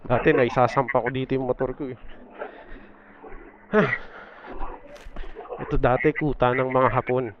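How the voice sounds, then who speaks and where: A man's voice: medium pitch, fairly even intonation, measured pace, pauses often, lo-fi sound, background noise. A man from the Philippines chatting casually as he walks a trail outdoors, pointing things out and a bit out of breath. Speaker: vlogger. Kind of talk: casual walking vlog. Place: outdoors on a trail to a river dam.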